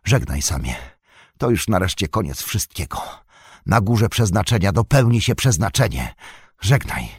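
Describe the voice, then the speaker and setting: A man voicing a weary, resigned young male hobbit in an audiobook, speaking quietly and solemnly. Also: fairly low pitch, big pitch swings, moderate pace, slightly rough, no room sound, clean studio sound, exaggerated voice.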